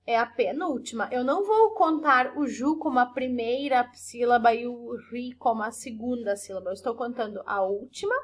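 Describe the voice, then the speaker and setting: A woman's voice: fairly high pitch, breathy edge. A woman primary school teacher giving a recorded class to children, explaining patiently and stretching out words to stress syllables, with frequent tag questions.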